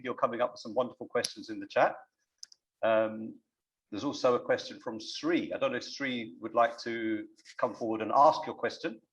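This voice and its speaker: A man with a low voice hosts an online panel over video call. He speaks in a measured, reflective way and turns warmly to the callers with their questions. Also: muffled recording. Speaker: panel host. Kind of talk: hosting an online panel discussion.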